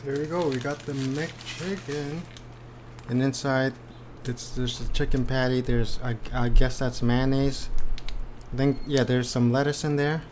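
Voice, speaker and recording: A man in his thirties with an average-pitched voice gives a casual food review while eating. He speaks matter-of-factly between bites, recorded in a small room with slight background noise. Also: fairly even intonation, a little slow, a little mellow. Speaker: mukbang vlogger.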